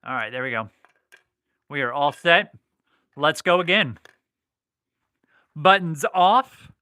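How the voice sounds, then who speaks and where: Bright, crisp male craps table caller. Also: medium pitch, lively intonation, normal speed, no echo. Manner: craps table caller, calling rolls and bets. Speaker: livestream host running an online craps game. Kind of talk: casual live game commentary.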